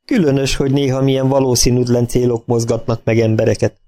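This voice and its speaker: A man's voice: medium pitch, little pitch movement, dark tone. A man reading a first-person story aloud as an audiobook narrator.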